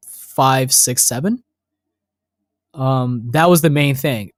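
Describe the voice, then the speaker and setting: A man co-hosting a podcast, telling childhood stories in a loud, excitable way and swearing constantly. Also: on the high side, no echo, studio quality. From North America. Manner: excitable storytelling, heavy swearing. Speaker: podcast co-host. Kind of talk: casual podcast chat.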